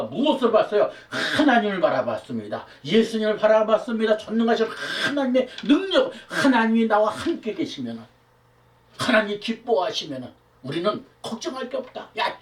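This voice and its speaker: A man preaching a sermon, asking rhetorical questions and repeating phrases to drive points home. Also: high-pitched. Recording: echoey room, voice from a distance.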